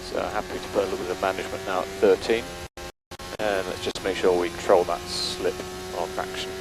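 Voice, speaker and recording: A man's voice: low-pitched, flat delivery, brisk, over music. A man working as a race engineer, giving clipped, matter-of-fact updates over team radio. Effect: team radio transmission. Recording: noisy team radio with car noise.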